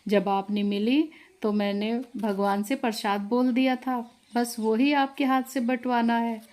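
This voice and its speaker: A woman's voice: on the high side, steady tone, measured pace, darkish tone, natural voice. A woman voicing a caring, anxious young daughter-in-law in a storybook tale, speaking earnestly. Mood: tender.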